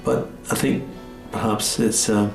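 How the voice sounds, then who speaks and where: A man's voice: lowish voice, steady tone, a little slow, gravelly, echoey room, soft background music, rough recording. A middle-aged Scottish man talking plainly and earnestly about his time away from home. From Scotland. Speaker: undercover newcomer looking for work. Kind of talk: casual chat and reflective talk.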